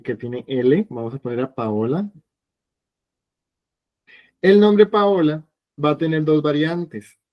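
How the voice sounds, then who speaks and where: A man's voice: a little high, lo-fi sound. Patient man teaching a language class. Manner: patient, repeats sounds slowly for students. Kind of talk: online class lesson.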